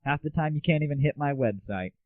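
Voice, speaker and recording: A man with a slightly high voice hosts an online gaming show, talking fast and animatedly in a casual, irreverent monologue. His speech is cheeky, slangy and crude, and the dry recording has a tinny, narrowband phone-like quality.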